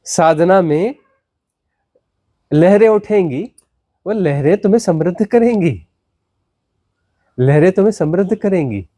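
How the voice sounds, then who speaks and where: In a clean studio recording with no room sound, a spiritual teacher speaks expressively at a moderate pace, his dark voice broken by long pauses. His satsang discourse is repetitive, full of rhetorical questions and dramatic pitch changes.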